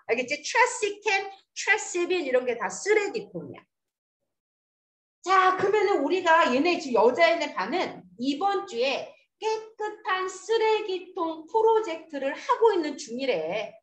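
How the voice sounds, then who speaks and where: Lively, high-voiced woman teaching a class. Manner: lively, coaxing, drills students with questions. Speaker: English teacher. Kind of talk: classroom lesson. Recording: echoey classroom.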